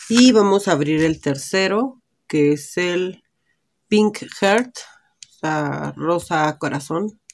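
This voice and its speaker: There's slight background noise behind this woman's low voice. Speaking with a Mexican Spanish accent, the beauty vlogger tries on lipsticks at home in natural light, chatting casually and musing aloud.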